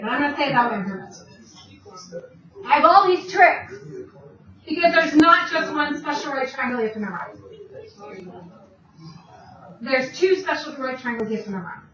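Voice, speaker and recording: Her voice high and sharp in tone, a woman teaches math one step at a time and answers the questions she puts to her class. The audio is dull and distant, picked up in a roomy, echoey space with faint background hiss.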